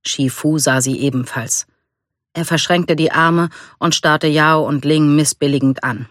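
A reader narrating a storybook in a calm, even reading voice. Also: medium pitch, measured pace, no room sound, clean studio sound. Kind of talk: scripted narration.

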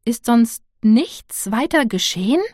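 Woman doing nervous stammering young witch, slow and hesitant, dry audiobook sound. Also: a little high, lively intonation, a little mellow, no room sound, voice pushed up.

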